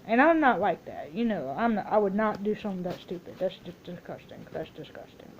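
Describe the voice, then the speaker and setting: A woman's voice: mid-range voice, animated, fairly quick, a little hiss or hum, low-quality recording. A woman in a casual, rambling phone chat, telling stories and quoting herself and other people as she goes. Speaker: vlogger making a phone call.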